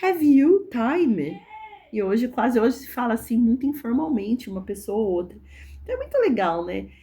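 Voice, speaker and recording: A Brazilian woman teaches English in a relaxed video lesson, and her pitch rises and falls a lot as she talks. She slows right down to say English phrases clearly. Her tone is chatty and patient. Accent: Brazilian Portuguese. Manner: explains slowly, spells out English phrases with care.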